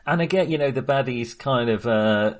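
Here a man co-hosts a film discussion in a mid-range voice at a moderate pace, thinking aloud informally and chattily while analyzing casually.

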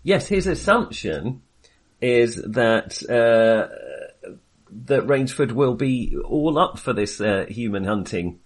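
A film podcast host leads a casual discussion in a hesitant, jokey manner full of wry understatement. His voice is medium-pitched and animated, though he takes it slowly.

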